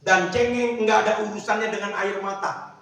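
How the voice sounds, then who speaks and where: A man's voice: high voice, steady tone, normal speed, a bit bright. A man preaching a sermon as pastor, in casual, slangy speech with call-and-response to the congregation. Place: church hall. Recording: very echoey church hall, mic at a distance.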